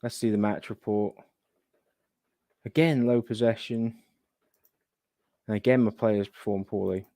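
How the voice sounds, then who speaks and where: A man's voice: on the low side, steady tone, a little slow, long pauses, warm tone, no room sound, clean studio sound. A man chatting casually as host of a live gaming stream, thinking aloud and muttering asides to himself. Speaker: livestream host.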